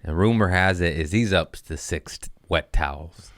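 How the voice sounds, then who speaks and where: A comedian hosts his podcast from a studio, his low-pitched voice moving at a moderate pace with no echo. He rambles casually and crudely, cracks jokes at his own expense, and often cuts himself off mid-sentence to start over.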